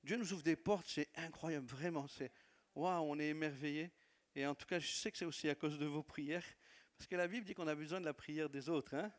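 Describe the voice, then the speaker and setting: A man with a non-native French accent preaches as a pastor in a church hall, giving a sermon testimony about his church. His warm storytelling is full of laughs and repeated phrases, and his fairly high voice moves a little fast.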